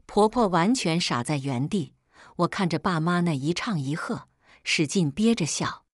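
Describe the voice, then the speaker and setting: A woman reads a first-person family story aloud in a low, dry, close voice. Her pitch moves a lot as she tells it, in a dramatic storytelling manner. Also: animated, normal speed, no echo. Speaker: narrator.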